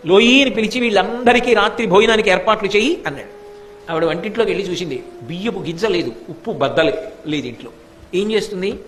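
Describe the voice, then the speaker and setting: A man's voice: high voice, fast, a bit bright, slight background noise. A man with a Telugu accent giving a devotional sermon, telling a story dramatically and voicing its characters.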